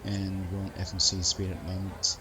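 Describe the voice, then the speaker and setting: Man, lowish voice, flight sim pilot, matter-of-fact procedural callouts, casual asides, noisy cockpit ambience. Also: monotone, brisk. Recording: clearly noisy background.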